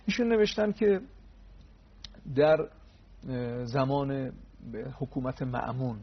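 A man's voice: medium pitch, expressive, breathy edge, highs cut off. A man giving a religious talk on a TV program. He tells old stories, acts out the dialogue, and adds pious honorifics along the way.

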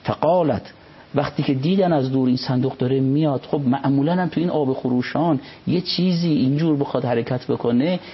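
A man, a religious scholar, reciting Arabic passages and explaining them in an unhurried conversational commentary. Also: medium pitch, slightly rough. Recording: dull lo-fi recording.

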